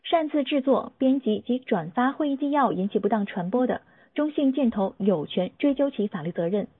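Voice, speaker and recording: A woman's somewhat high voice recites a scripted legal disclaimer in formal, orderly fashion. The sound is tinny and narrow like a phone line, with a slightly husky edge. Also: lively intonation, normal speed, no room sound. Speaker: disclaimer reader.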